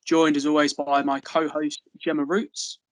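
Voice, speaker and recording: A man's voice: on the high side, little pitch movement, moderate pace, no echo. A man hosting a podcast in a casual, friendly way, joking and using fillers. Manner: friendly, jokey, many fillers. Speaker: podcast host.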